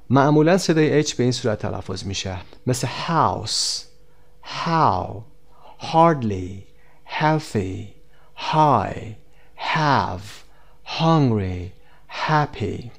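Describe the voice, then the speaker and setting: A man teaching an English textbook lesson, reading the English examples slowly and clearly and then explaining them quickly. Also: mid-range voice, a little mellow.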